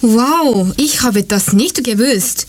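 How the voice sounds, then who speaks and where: A woman from Japan, a Japanese native speaker, reading a prepared presentation slowly in learner's German. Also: on the high side, expressive. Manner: slow, careful learner's German. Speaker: student presenter. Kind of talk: read-aloud presentation.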